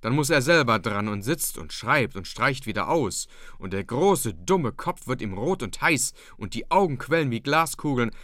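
Old farmer father, stern and gruff, as a male reader puts him on; lively, dry. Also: medium pitch, moderate pace, hardly any pauses, no room sound. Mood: scornful.

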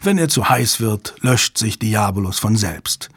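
A man doing a calm, cold commander. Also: on the low side, a little slow, slightly rough, no room sound, studio quality, full character voice. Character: calm, controlled older male commander. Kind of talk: audiobook character voice.

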